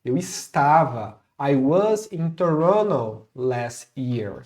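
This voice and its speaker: A man co-hosting an English lesson, giving example sentences and saying them slowly and carefully as models to repeat. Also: mid-range voice, expressive, darkish tone. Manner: slow, careful model pronunciation of example phrases. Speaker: English teacher, co-host. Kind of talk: casual online language lesson.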